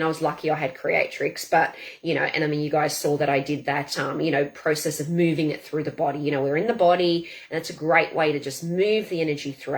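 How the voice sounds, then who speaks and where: Low-voiced woman coaching, chatty. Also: poor audio. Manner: chatty, many fillers, repeated spoken affirmations. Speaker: self-help coach. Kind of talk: guided tapping demonstration.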